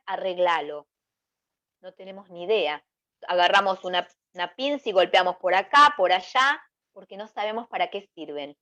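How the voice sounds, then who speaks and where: A woman giving an online lecture over slides, explaining through rhetorical questions and checking with "¿sí?". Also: fairly high pitch. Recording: slightly dull lo-fi recording.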